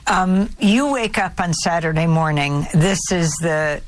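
A woman's voice: fairly low pitch, a little slow. A woman presenting clips and putting questions as an interviewer.

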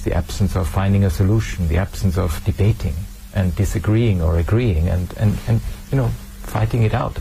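Earnest male official, low gravelly voice, halting restarts, faint background noise. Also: warm tone, poor audio. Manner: earnest, with frequent hesitations and repeated words. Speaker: human rights official. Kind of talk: interview answers.

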